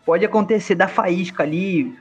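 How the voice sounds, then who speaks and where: Young Brazilian man, podcast host, slangy animated storytelling, husky, dull lo-fi sound. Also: high-pitched, normal speed. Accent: Brazilian Portuguese. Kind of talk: casual podcast chat. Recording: dull lo-fi sound with faint music.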